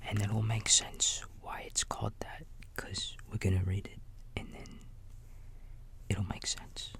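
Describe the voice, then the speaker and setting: In a bedtime ASMR roleplay, a man plays a kindly, big-brotherly raccoon babysitter, whispering softly to reassure a small child in a folksy, halting way. His lowish voice is a soft, breathy whisper with little pitch movement, and the mood is soothing and playful.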